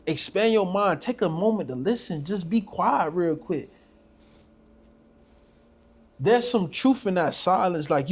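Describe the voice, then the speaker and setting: High-voiced man preaching in casual talk. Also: slightly rough. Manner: preachy, emphatic, repeats phrases. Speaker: podcast host. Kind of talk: casual faith conversation.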